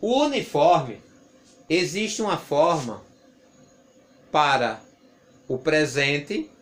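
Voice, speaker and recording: A man's voice: fairly high pitch, animated, very slow, a bit bright. A man with a Brazilian Portuguese accent teaching an English grammar lesson, patiently repeating points and asking rhetorical questions. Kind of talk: classroom lesson explaining grammar.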